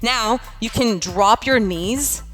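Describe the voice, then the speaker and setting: A woman's voice: on the high side, takes it slowly, soft background music. A woman coaching a workout like an aerobics instructor, cueing moves and counting in a casual, encouraging, urging way. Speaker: fitness instructor leading a home workout class.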